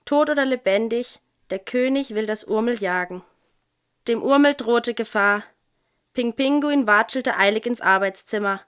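A woman presenting a children's book and reading from it in a lively storytelling way. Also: fairly high pitch, normal speed, clear, resonant tone. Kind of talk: book presentation with read-aloud excerpt.

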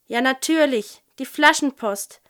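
A woman's voice: high-pitched, a little slow, a bit bright. A woman voicing a fretful, absent-minded old male professor in a storybook reading. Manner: worried, self-reproaching.

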